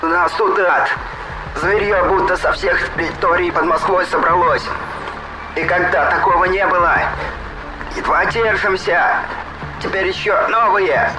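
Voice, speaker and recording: A man's voice: high-pitched, fairly even intonation, measured pace, pauses often, echoey room, over loud music, pitched above the performer's own voice. A man voicing a desperate male radio operator whose urgent call breaks up over a crackling shortwave radio. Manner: urgent, shouting through static.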